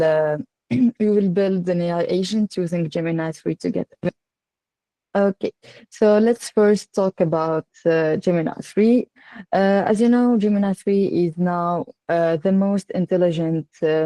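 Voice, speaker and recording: A woman with a North African accent from Tunisia leads an online workshop. Her voice is slightly low and mellow. She speaks haltingly, pausing often on fillers, and the sound is dry and close. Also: dry recording. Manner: halting, with frequent filled pauses. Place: online video call.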